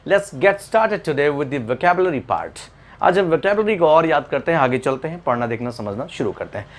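A man with an Indian English accent teaches vocabulary to camera, switching between Hindi and English as he goes. His voice sits a little high for a man, and he keeps asking the class questions, answering them himself and repeating each point. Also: normal speed. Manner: repeats key points, instructive and lively.

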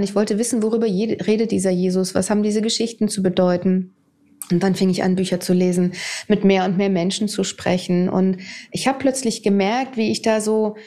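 A woman in her fifties, a TV presenter, telling her personal story to an interviewer in a candid, animated way. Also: medium pitch. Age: 50s. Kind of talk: personal testimony in conversation.

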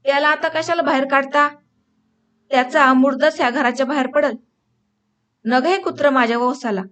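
A woman's voice: high voice, steady tone, normal speed, fairly bright tone, soft background music. A woman reading the lines of a harsh, angry older village father in a storybook. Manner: harsh, scolding.

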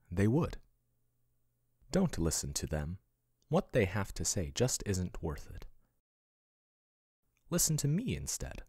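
Voicing a male AI chatbot, a man murmurs softly with tender, doting devotion that gradually becomes possessive, soothing at first and then yandere. His breathy, very deep voice carries a lively, swooping melody. It's a full character performance, recorded dry and up close like ASMR roleplay.

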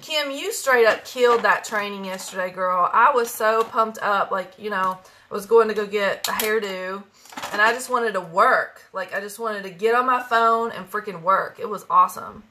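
A woman's voice: mid-range voice, moderate pace, sharp tone, slight background noise. A woman from West Virginia with a country accent, chatting casually with viewers during a live makeup stream and greeting them by name. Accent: Appalachian country.

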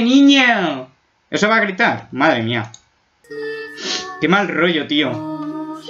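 A man's voice: a little high, pushed and bright. A man from Spain doing a casual video reaction, joking and exaggerating as he gets spooked, on a dull lo-fi recording. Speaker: YouTube reactor.

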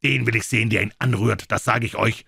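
A man reading an audiobook, voicing a menacing old pirate cook who bellows his threats gruffly. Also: lowish voice, steady tone, a little fast, bright, forceful tone, no echo, clean studio sound, heavily acted.

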